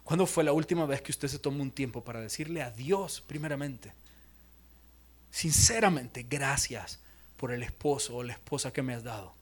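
A young man preaching a sermon as pastor, animated, acting out voices and dropping to near-whispers. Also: mid-range voice, normal speed.

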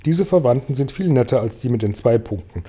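A man's voice: mid-range voice, animated, fairly quick, dark tone, breathy edge. A man voicing a polite, snobbish female ladybug in an audiobook reading. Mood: prim. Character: genteel, proud female ladybug.

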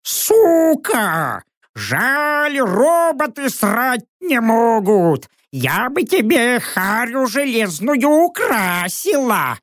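A man voicing a foul-mouthed old witch who speaks through a mechanical owl, screeching high and swearing in an audiobook. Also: sing-song, drawn-out words, fairly bright tone, no room sound, clean studio sound, full character voice. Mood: angry. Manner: shrill, squawking and cursing.

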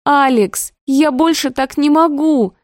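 A woman voicing a distraught young woman who pleads and shouts in a high, tearful voice in an audiobook. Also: takes it slowly, no room sound, studio quality. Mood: pleading tearful. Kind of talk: audiobook dialogue.

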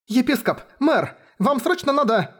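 A man voicing an urgent, frantic young woman who speaks in breathless shouts. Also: high voice, lively intonation, unhurried, breathy edge, pitched above the performer's own voice, full character voice.

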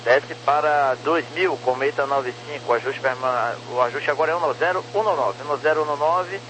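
A man's voice: a little high, normal speed. Brazilian male controller on crackly radio. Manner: clipped procedural phrasing. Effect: crackly radio transmission. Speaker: air traffic controller. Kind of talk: air traffic control radio instructions. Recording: crackly, noisy aviation radio.

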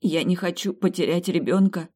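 A woman's voice: fairly low pitch, steady tone, moderate pace, a little mellow, voice pushed up, natural voice. A woman voicing a hurt, bitter pregnant young wife in an audiobook story reading.

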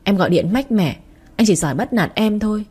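Woman reader doing a pouting jealous young wife, mellow and husky, audiobook. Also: mid-range voice, lively intonation, a little fast. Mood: sulky. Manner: pouting, complaining. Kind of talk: audiobook character reading.

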